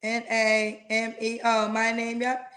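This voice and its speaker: A woman's voice: fairly high pitch, completely flat delivery, fairly bright tone. A woman hosting a live dating show, chatting with callers and calling them sweetheart. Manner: drawn-out spelling, affectionate. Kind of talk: live-stream matchmaking chat.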